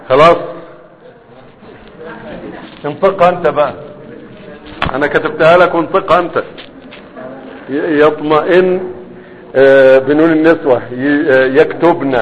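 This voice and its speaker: A man with an Egyptian accent teaches a grammar class, his voice pitched somewhat high. He drills word forms slowly, stopping often to ask whether the class follows. The recording is muffled and trails off in a long echo. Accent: Egyptian Arabic. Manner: drills verb forms slowly, checking with "right?" and "huh?". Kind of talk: live grammar lesson to students.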